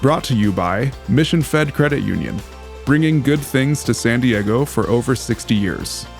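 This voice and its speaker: Guy doing a polished podcast intro and sponsor read, soft music behind. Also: medium pitch, lively intonation, normal speed, vocal fry. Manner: polished announcer delivery. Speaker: show announcer.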